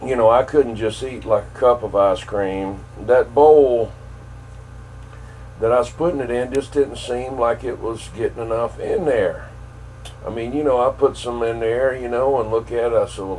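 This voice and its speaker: A man's voice: medium pitch, moderate pace, darkish tone, low-quality recording. A man in his fifties or older chatting casually as a radio operator, rambling in a folksy way with radio slang. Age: 50s or older. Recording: clear background hum and noise.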